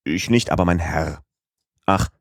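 A man voicing a talkative, excitable French manservant in an audiobook reading, his voice rising higher when he gets emphatic. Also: measured pace, no echo, clean studio sound. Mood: chatty. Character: chatty, excitable French manservant, stubborn and proud. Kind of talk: audiobook character voice.

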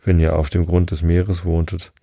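A man doing a soft, curious young girl. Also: low-pitched, completely flat delivery, moderate pace, no echo, studio quality. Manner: soft, questioning and a bit indignant.

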